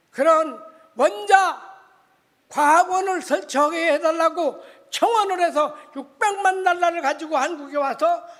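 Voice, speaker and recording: High-voiced impassioned male preacher. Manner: impassioned storytelling, swings from shouting to hushed. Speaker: pastor. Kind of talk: sermon. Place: church sanctuary. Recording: reverberant church hall.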